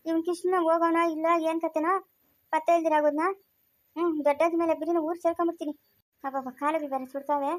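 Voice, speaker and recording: A woman playing a gentle rural Kannada aunt. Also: very high voice, fairly even intonation, quick pace, dry recording. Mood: weary, sighing. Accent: rural Chikkaballapur Kannada. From Karnataka. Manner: sighing, murmured asides with "ha?". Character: elderly village aunt, gentle and long-suffering. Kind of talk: village family skit.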